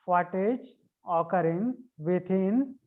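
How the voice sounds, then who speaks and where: A man's voice: high voice, takes it slowly. A man teaching a yoga anatomy class over a video conference call. He dictates notes, repeats phrases and spells out key words letter by letter. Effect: heard over a video conference call. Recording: narrow phone-like call audio.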